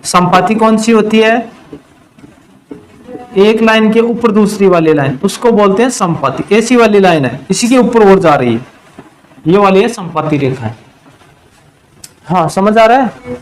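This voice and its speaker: A male math teacher giving a classroom lesson, quizzing his students and answering his own questions, and drawing out the key terms slowly. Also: high voice, expressive, slight background noise, rough recording. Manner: slows to a drawn-out pace on key terms.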